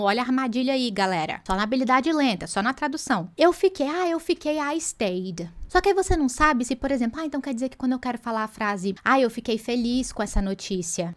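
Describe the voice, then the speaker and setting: A Portuguese-speaking woman teaching an online English lesson, lively and playful, slowing phrases down to show them. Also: fairly high pitch.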